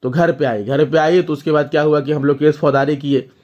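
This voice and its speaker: A young man talks to the camera and tells a long family story. His voice sits a little high, and the recording is dull and lo-fi. He keeps checking in with his viewers as he goes. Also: fairly even intonation, a little fast, a little mellow. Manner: storytelling, addresses viewers directly with frequent "ठीक है?". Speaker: vlogger. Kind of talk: casual talk to camera.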